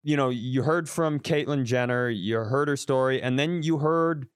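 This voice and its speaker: A comedian podcast host with a smooth, mid-range voice tells a rambling story at a moderate pace, swearing and restarting his sentences in casual chat. The recording is clean studio sound with no room sound.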